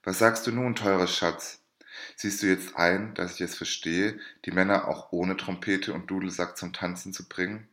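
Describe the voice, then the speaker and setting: Man voicing a sly mocking noblewoman, sugary false concern, storybook reading, raised pitch, bright edge. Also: steady tone, normal speed, roomy sound. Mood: gloating. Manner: sweetly feigned sympathy.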